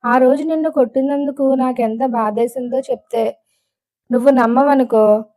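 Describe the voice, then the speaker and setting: A woman's voice: high-pitched, steady tone, moderate pace, warm tone, natural voice. A woman reading a remorseful young husband. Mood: remorseful pleading. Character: remorseful young husband, pleading with his wife.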